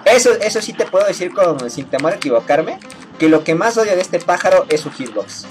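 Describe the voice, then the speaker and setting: A woman's voice: on the low side, big pitch swings, fairly quick, soft background music. Playful woman streaming a game. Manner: playful and teasing, laughs often. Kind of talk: casual live-stream chat while gaming.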